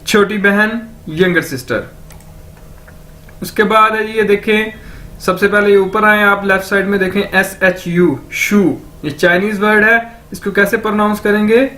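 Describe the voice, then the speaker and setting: Slow, high-voiced man teaching vocabulary. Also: fairly even intonation, bright, forceful tone. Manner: repeats each word slowly several times; asks questions then answers them himself. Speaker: language teacher. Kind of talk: step-by-step vocabulary lesson.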